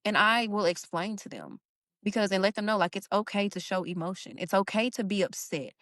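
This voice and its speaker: A woman's voice: mid-range voice, fairly quick, a bit bright, dry recording, clean studio sound. A young woman, a stay-at-home mother, talking earnestly and informally in a casual heartfelt conversation. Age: young adult. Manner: earnest, Southern-tinged informal speech with y'all. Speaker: stay-at-home mom, podcast guest.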